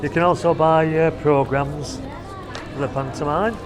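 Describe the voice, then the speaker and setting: Over background music, a man with a slightly high voice talks in a steady tone at a moderate pace. He is a family vlog host giving an easygoing walking tour of a theatre, from the foyer to a private box, on a handheld camera.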